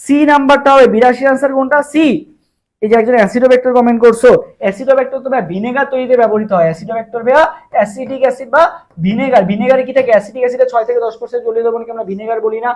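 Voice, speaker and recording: A young Bangladeshi man runs a live exam-prep lesson, firing the same question again and again before giving the answer. His voice sits fairly high and the words come quickly. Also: steady tone, darkish tone. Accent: Bangladeshi Bengali. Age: young adult. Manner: fast, repetitive quizzing of viewers, drills answers with memory tricks. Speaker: admission exam tutor.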